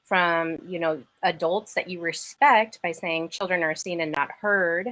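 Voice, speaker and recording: A woman's voice: lowish voice, fairly even intonation, a little slow, sharp tone, low-quality recording. A woman hosting a live podcast, chatting enthusiastically with her guest. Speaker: podcast host. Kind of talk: casual live-stream interview.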